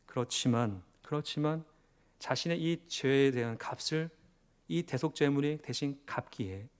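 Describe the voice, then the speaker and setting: A male pastor preaching a sermon in church, swinging from loud emphasis to hushed near-whispers and asking questions that he answers himself. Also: mid-range voice, a little slow, smooth.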